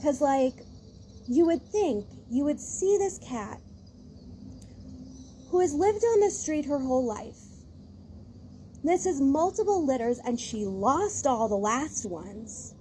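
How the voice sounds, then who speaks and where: A woman's voice: high voice, lively intonation, takes it slowly, long pauses, warm tone, slight background noise. A woman vlogger in a casual rant, talking in a rambling, exasperated way with many restarts.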